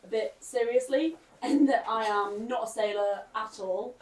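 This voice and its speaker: A woman from the UK giving a short, self-deprecating and excited speech at a party. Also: fairly high pitch, a little slow, a loud crowd. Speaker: event participant. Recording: echoey room, far from mic.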